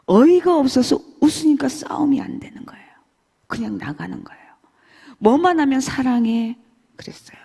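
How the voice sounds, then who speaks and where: Woman telling her church testimony, gravelly husky voice, lively pitch, long hall echo. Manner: emotional, animated storytelling, swinging between loud and hushed. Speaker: church member giving testimony.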